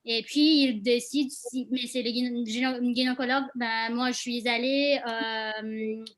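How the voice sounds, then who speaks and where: A woman from India speaking non-native French with an Indian accent, haltingly, as she asks a question in an online group discussion. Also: fairly high pitch, steady tone. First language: not French.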